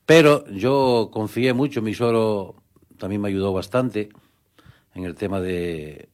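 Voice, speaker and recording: A middle-aged man from the Canary Islands, a rural real estate agent, appears as a guest in a conversational radio interview. His voice is on the low side and darkish, and he speaks slowly, earnestly and hesitantly with many restarts.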